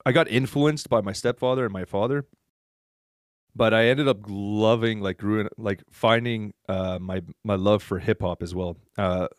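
A man's voice: fairly low pitch, steady tone, normal speed, dry recording, clean studio sound. A man with a Canadian accent, chatting casually as a podcast co-host, laid-back and swearing freely. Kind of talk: casual chat. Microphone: voice chat headset.

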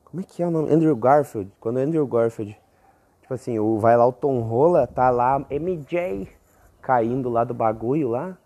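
Young male podcast host, husky mellow voice, casual profane ramble with squeaky high outbursts. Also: normal speed. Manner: profane, self-mocking, often breaks into high squeaky exclamations.

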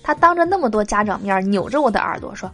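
A woman hosting a podcast, reading jokes aloud in a casual, lively way and laughing at her own punchlines. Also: mid-range voice, fast talker, soft background music. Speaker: podcast host telling jokes.

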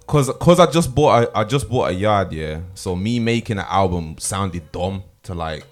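A man's voice: low voice, animated, measured pace, soft background music. A man chatting casually as a rapper in an interview, full of street slang and repeated words.

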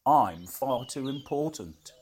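A man's voice: mid-range voice, expressive, slow, darkish tone, a little hiss or hum. A man playing a blunt, dismissive careers advisor who lectures and belittles. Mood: condescending.

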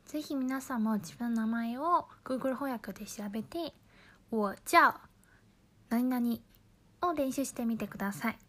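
A woman teaching a language lesson, explaining patiently and slowly, drawing out example phrases. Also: fairly high pitch. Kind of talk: slow, careful lesson explanation.

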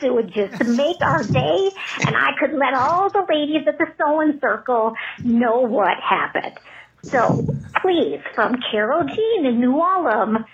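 A woman's voice: high-pitched, a bit bright, full character voice. A woman voicing a chatty older small-town woman with a Minnesota accent, leaving a rambling, folksy message heard over a landline phone. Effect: voicemail heard over a landline phone. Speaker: caller. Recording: lo-fi phone line.

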